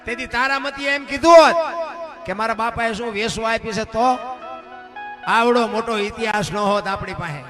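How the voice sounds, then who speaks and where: A man's voice: very high-pitched, moderate pace, music in the background. A man telling a folk story in a sermon, acting out villagers' voices. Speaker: storyteller preacher.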